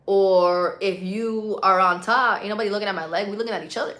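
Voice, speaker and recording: Woman, Puerto Rican accent, mid-pitched voice, livestream host, casual chat, slangy, playful. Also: fairly even intonation, fairly quick, fairly bright tone. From Puerto Rico. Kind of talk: casual live-stream chat answering viewer comments.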